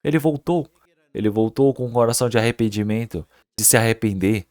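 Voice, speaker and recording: A man's voice: medium pitch, fairly quick, darkish tone, dry recording, studio quality. A male pastor giving a Sunday sermon at a church service, earnest and emphatic, often putting rhetorical questions to the congregation. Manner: earnest, emphatic preaching with repeated words.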